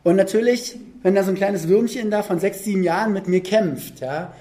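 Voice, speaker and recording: A preacher giving a relaxed, conversational sermon, telling the story vividly and often adding little tag questions. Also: mid-range voice, normal speed.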